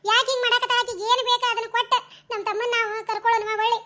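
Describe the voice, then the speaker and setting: Female voice actor: squeaky, piercing cartoon village women, North Karnataka Kannada accent, rapid chattering delivery. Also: level tone, a little hiss or hum. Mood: anxious. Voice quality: very high, bright and shrill. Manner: fast, chattering village talk. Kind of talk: cartoon dialogue acting.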